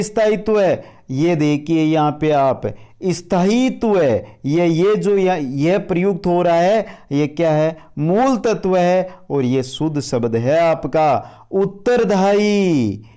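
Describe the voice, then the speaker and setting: A man teaching a grammar lesson on video with a fairly high but mellow voice. He talks at an unhurried pace, answers his own rhetorical questions and calls his viewers friends. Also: clean tone. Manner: explains with many rhetorical questions; keeps addressing viewers as friends. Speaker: online Hindi grammar teacher. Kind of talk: spoken lesson for a video channel.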